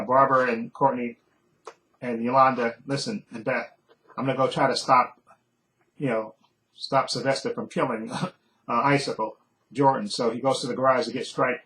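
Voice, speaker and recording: A man's voice: medium pitch, fairly bright tone, rough recording. A man casually recapping a TV episode as a reviewer, rambling with fillers and frequent chuckles. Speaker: TV show reviewer.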